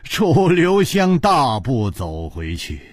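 Slow, lively male storyteller, husky. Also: mid-range voice, dry recording, studio quality. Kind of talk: traditional Chinese storytelling broadcast.

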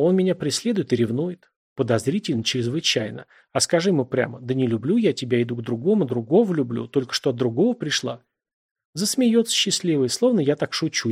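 A husky-voiced man reading a novel aloud, voicing a brash, teasing young woman with a quick temper. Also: on the high side, full character voice. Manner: sharp, needling, exclaiming.

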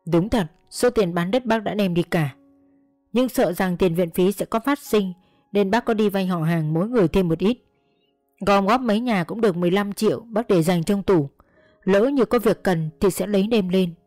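Woman reading a long story out loud, steady and earnest, dry close sound, soft music under. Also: medium pitch, no room sound. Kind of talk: first-person story narration.

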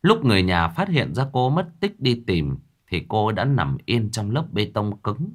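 A man's voice: fairly low pitch, very animated, moderate pace. A man narrating a horror story in the first person with dramatic, vivid delivery.

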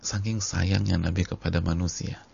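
A man's voice: deep voice, level tone, moderate pace, gravelly, a little mellow, husky, highs cut off. A male Islamic preacher giving a sermon, repeating phrases for emphasis and addressing the congregation directly. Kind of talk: sermon on a hadith book.

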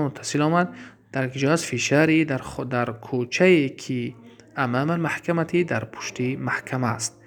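A man with a Tajik accent teaching Arabic grammar in a class, reading each example slowly and then explaining it. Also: medium pitch.

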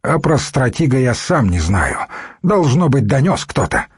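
Guy doing a snooty palace official, bossy and curt, raspy. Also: mid-range voice, big pitch swings, measured pace, no room sound, studio quality, full character voice. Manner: curt, commanding. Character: haughty male palace official, curt and commanding.

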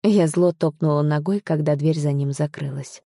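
A woman narrating a novel in the first person with an even, steady reading. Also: sits low, normal speed, no echo, clean studio sound. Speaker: audiobook narrator.

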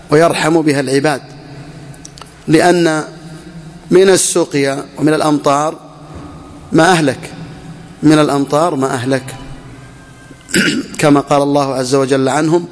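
A man teaching a classical religious text, speaking slowly and deliberately and repeating each phrase so students can follow. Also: a little high, in a large hall. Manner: asks students questions. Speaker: Islamic scholar teaching a fiqh text. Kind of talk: classical Arabic lesson commentary.

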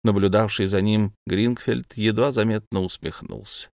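A man reading an audiobook in steady scripted narration, close to the mic. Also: on the low side, moderate pace, vocal fry, no echo.

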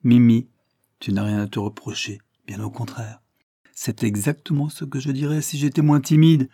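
A man voicing a shy, gentle teenage girl who speaks softly and earnestly. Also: medium pitch, little pitch movement, moderate pace, dry recording, clean studio sound, close to an everyday voice.

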